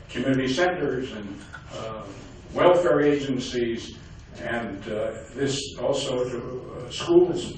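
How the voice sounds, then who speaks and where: Older man speaking haltingly in echoey hall. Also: medium pitch, distant mic, a little hiss or hum. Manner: halting, many fillers and restarts. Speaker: guest speaker. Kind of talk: speech to a community audience.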